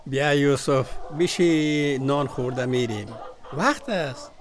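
A man's voice: medium pitch, slight background noise, natural voice. A man with an Afghan Dari accent, acting in a radio drama as a devout husband who patiently explains matters of faith. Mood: earnest. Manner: earnest, explanatory.

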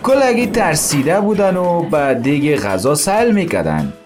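A man's voice: fairly high pitch, sing-song, a little mellow, faint music behind. A man telling a Bible story to his daughters as a father. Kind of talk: storytelling to children.

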